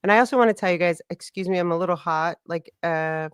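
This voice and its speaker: A young woman from the Washington DC area, a guest on a podcast, chatting casually and animatedly with quick asides. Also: on the low side, smooth, no room sound, studio quality.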